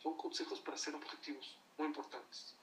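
A man giving a motivational religious class over a video call, lively and talking straight to his listeners. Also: fairly high pitch, fairly quick, a little hiss or hum. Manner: lively, addresses listeners directly, acts out quoted voices. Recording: roomy sound from a distance.

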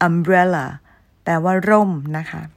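A woman's voice: fairly low pitch, fairly even intonation. A woman teaching English grammar, explaining patiently and spelling out words letter by letter. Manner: patient, ends phrases with polite particles, spells letters slowly.

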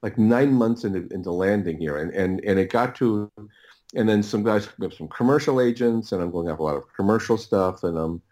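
Speaking in a lowish, slightly mellow voice, a middle-aged man who writes and produces audio rambles through anecdotes as an interview guest on a podcast. He repeats himself, hesitates, and interrupts his own phrases, often circling back.

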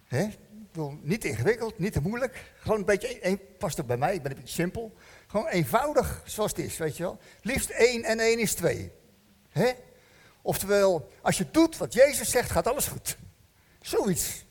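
A man delivering a church sermon with a fairly high, very lively voice that swings up and down. He jokes and asks the congregation questions, and the sound carries a long reverb from the hall. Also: moderate pace, slightly rough. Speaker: preacher.

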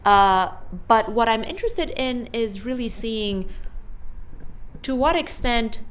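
A woman's voice: mid-range voice, slight background noise. A woman, a political science professor thoughtfully answering podcast interview questions with many fillers and restarts. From Romania.

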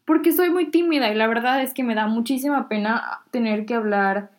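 A teen girl from Mexico, speaking with a Mexican Spanish accent, talks casually to camera for her viewers. The voice is on the high side and brisk, and her manner is chatty and candid, full of Mexican slang and self-deprecating humor.

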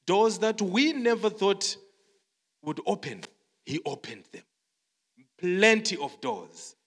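In a high, sing-song voice with a fairly bright tone, a man from Zimbabwe delivers a slow sermon that includes testimony. He keeps repeating phrases, breaking into song quotes and restarting his sentences, all echoing with long hall reverb.

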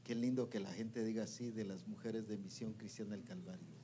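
A man preaching a sermon who reads scripture slowly and keeps asking the audience questions. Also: on the low side, steady tone, dark tone, slight background noise. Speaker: preacher at a women's discipleship meeting. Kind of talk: sermon with Bible reading.

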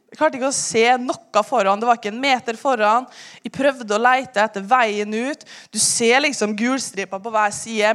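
In church, a young woman earnestly shares her personal testimony, her slightly high voice often sinking to a hush as she tells her story.

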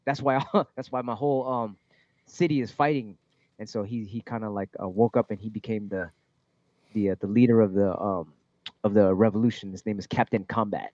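A man, a music producer, talking in a casual interview, halting and swearing freely as he explains his tracks. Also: fairly low pitch, steady tone, a little mellow, no room sound, lo-fi sound.

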